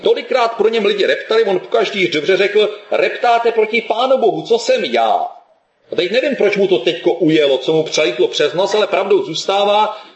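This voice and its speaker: A male preacher giving a sermon in a lively, colloquial storytelling manner. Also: high voice, reverberant, highs cut off.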